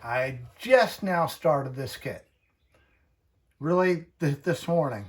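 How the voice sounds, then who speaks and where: A man hosting a hobby channel, talking through a casual tutorial in a chatty, folksy, unhurried way. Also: fairly high pitch, expressive.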